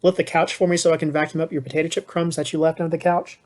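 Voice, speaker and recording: Guy putting on a fed-up goddess housewife, grumbling and nagging about her messy husband, voice sitting a bit high in a classroom story. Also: flat delivery, quick pace, darkish tone, close to an everyday voice. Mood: sweetly coaxing. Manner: grumbling, exasperated.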